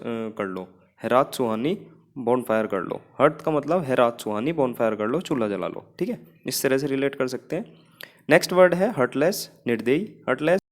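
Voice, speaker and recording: A man with an Indian accent teaching English vocabulary for exam prep, explaining memory tricks and repeating key phrases. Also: medium pitch.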